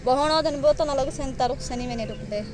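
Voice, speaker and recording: Worried village woman, high voice. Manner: worried, talks about a sick child. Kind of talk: casual conversation.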